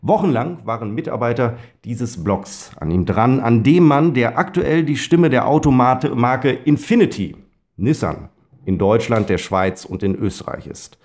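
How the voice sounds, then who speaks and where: A man's voice: medium pitch, expressive, measured pace, a little mellow. Wry Westphalian man reading his blog. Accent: Westphalian German. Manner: wry, self-ironic, with heavy word stress. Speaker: blogger and voice-over speaker.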